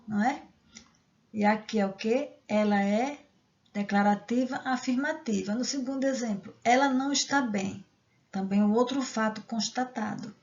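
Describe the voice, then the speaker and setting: A woman's voice: a little high, vocal fry, dull audio. A woman teacher explaining grammar step by step, reading example sentences and checking in with the class. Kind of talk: grammar lesson.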